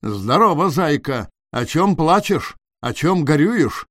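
A man's voice: fairly high pitch, sing-song, slow pace, dry recording, studio quality, pitched above the performer's own voice, full character voice. A man doing a blustering grey wolf. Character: gruff boastful grey male wolf.

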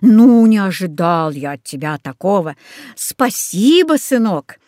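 A woman's voice: medium pitch, big pitch swings, measured pace, dark tone, dry recording, clean studio sound. A woman reading the lines of a stern, scolding father in a storybook. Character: stern strict father, middle-aged man.

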